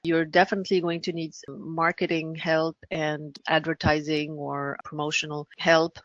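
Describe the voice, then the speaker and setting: A woman from France speaking as an interview guest, explaining things conversationally and thoughtfully, pausing to rephrase. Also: low voice, flat delivery, no room sound, muffled recording. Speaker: podcast guest, business founder.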